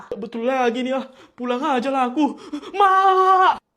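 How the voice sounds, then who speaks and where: A woman performing a comic sketch, switching between exaggerated, shouty village characters. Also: fairly high pitch, fairly even intonation, a little fast, close to an everyday voice. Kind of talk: comic sketch with many voices.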